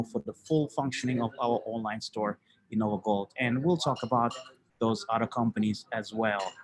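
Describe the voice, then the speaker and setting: A man's voice: mid-range voice, rough recording. Chatty man from Haiti presenting a webinar. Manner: loose and chatty, many fillers like "you know".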